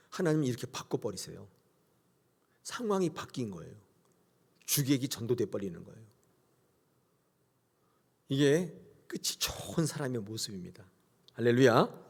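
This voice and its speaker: Male pastor, Sunday sermon; emphatic, animated delivery, acts out quotes, leads repetition. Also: mid-range voice, slightly rough. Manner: emphatic preaching, leads congregation in call-and-repeat; acts out biblical characters in quoted voices.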